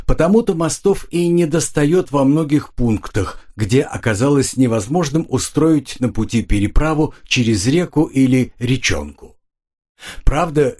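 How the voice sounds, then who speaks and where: Male audiobook narrator, husky, animated intonation, steady expressive delivery. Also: medium pitch. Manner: measured, expressive reading. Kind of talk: scripted narration.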